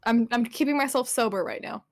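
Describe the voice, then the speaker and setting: A woman's voice: on the high side, a little fast, dry recording, studio quality. A woman chatting on a live stream from her home desk, giggly and often trailing off and restarting. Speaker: streamer guest. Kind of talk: casual live-stream chat.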